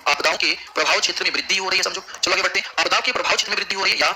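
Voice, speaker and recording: A man's voice: sits high, racing, sharp tone, a little hiss or hum, rough recording. A man teaching geography to a class, constantly asking questions and answering them himself. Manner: drills students with repeated questions. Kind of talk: classroom lecture.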